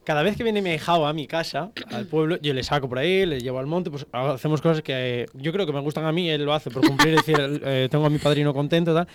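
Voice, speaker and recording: A man with a Spanish accent hosting a casual radio chat, joking and teasing with quick asides. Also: fairly high pitch, a little hiss or hum. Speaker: radio host. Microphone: studio microphone.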